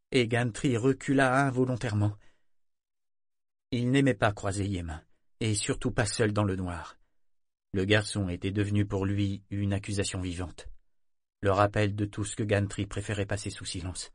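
A man's voice: fairly low pitch, dry recording. Male audiobook narrator, dry close sound. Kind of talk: scripted narration.

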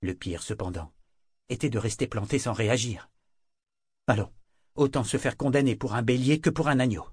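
A man narrates a novel in a measured, dramatic storytelling manner. His voice sits at a middle pitch. The recording is dry and close, with no room sound. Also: husky, no echo. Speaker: audiobook narrator. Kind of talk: scripted narration.

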